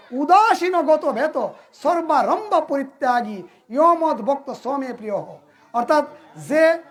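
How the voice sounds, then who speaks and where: A Gita preacher gives a devotional sermon to a village gathering. The speaker is humble and apologetic toward the listeners and keeps asking the crowd rhetorical questions. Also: high voice.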